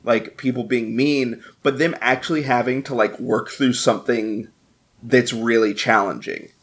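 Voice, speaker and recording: A man with a mid-range voice speaks on a relaxed podcast panel. He lays out his view in a measured, thoughtful way. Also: mid-range voice. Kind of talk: casual chat.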